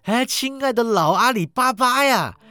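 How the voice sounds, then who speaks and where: A man voicing an old male miser who cries out in excitement with drawn-out exclamations, in a told story. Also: medium pitch, no room sound. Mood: giddy excited. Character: old miser man, giddy with childhood memories. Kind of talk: storytelling narration.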